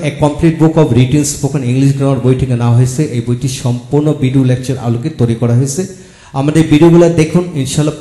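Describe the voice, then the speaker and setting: A man giving a video lesson on English pronunciation, calmly addressing viewers as friends and repeating each example word slowly while spelling out its letters. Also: medium pitch, echoey room. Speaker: English teacher. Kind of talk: video lecture.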